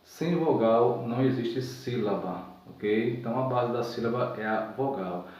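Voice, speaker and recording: A man teaches a grammar lesson at an even, patient pace, going over each point more than once and stopping to check that his listeners follow. He sounds some way from the mic in a very echoey room. The sound is dull and muffled. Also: medium pitch, unhurried, recorded from a distance.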